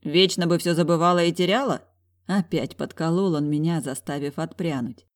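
A man narrating a first-person audiobook in a calm, gentle, reassuring way. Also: on the high side, normal speed.

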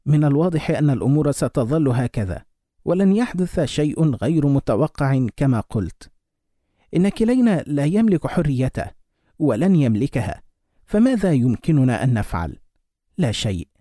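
A man's voice: fairly high pitch, sing-song, normal speed, warm tone, dry recording, clean studio sound. A man voicing a troubled young married woman in love, reading her lines in a restrained, sorrowful way.

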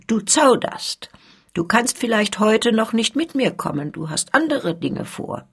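A woman's voice: on the high side, big pitch swings, normal speed, breathy edge, full character voice. A woman voicing a sly, menacing older male master goldsmith who threatens in a cold, persuasive manner, in a storybook reading. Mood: threatening.

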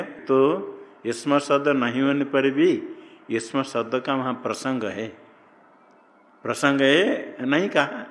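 A man teaching Sanskrit grammar in a slow classroom lecture, posing questions and answering them himself. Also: medium pitch, fairly bright tone. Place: ashram classroom. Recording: long hall reverb.

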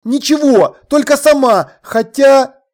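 An audiobook reader voicing a flustered young man in trouble, defensive and hurried. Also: high-pitched, darkish tone, pitched above the performer's own voice. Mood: urgent. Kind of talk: audiobook dialogue.

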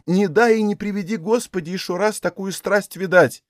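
A man reading aloud, voicing a frightened village woman who tells a grim story in a hushed, rushing way. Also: high voice, dry recording, clean studio sound, voice pushed up, natural voice. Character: frightened old village woman, breathless gossip.

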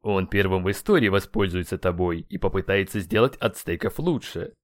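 A man voicing a patronizing dark male spirit rider in an audiobook, with a mentor-like tone. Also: sits low, brisk, no room sound, clean studio sound, natural voice. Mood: explaining.

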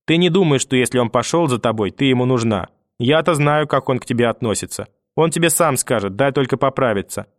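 A man's voice: medium pitch, expressive, a little fast, dry recording, studio quality, natural voice. A man voicing a furious old grandmother who spits curses and threats in a raised, strained voice. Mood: threatening. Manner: venomous, screaming curses. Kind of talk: audiobook character voice.

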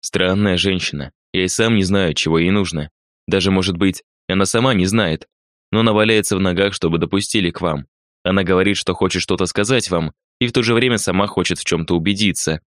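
A man voicing an elderly count who speaks in a measured, persuasive way. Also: sits low, fairly bright tone, no room sound, clean studio sound. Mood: earnest. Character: elderly count, anxious and gentle old man.

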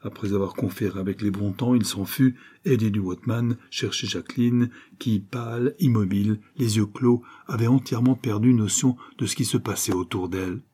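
A man reading a classic novel aloud in steady, even narration. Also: fairly low pitch, normal speed, hardly any pauses, breathy edge. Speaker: audiobook reader.

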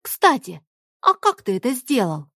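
A woman's voice: on the high side, big pitch swings, measured pace, a bit bright, no room sound, studio quality, voice pushed up, full character voice. A woman reading an audiobook, voicing a spirited, teasing young woman with a mocking, bossy manner.

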